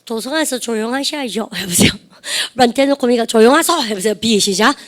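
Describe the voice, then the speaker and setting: A woman teaching English in a classroom who drills phrases and has students repeat them. She says her model sentences slowly and draws them out. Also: fairly high pitch, animated. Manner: slow, drawn-out model sentences. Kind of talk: classroom lecture.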